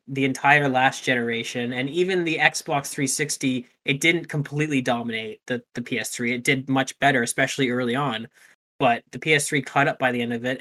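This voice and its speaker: A man's voice: medium pitch, pushed and bright. A man co-hosting a casual gaming news podcast, talking loosely, swearing offhandedly and often restarting his sentences. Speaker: podcast co-host.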